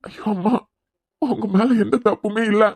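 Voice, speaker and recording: A woman voicing a gentle young son in a cartoon series who softly comforts his mother, with a Kanyakumari Tamil accent. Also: medium pitch, normal speed, creaky, no echo. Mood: soothing. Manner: soft, soothing, earnest. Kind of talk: cartoon web series voice acting.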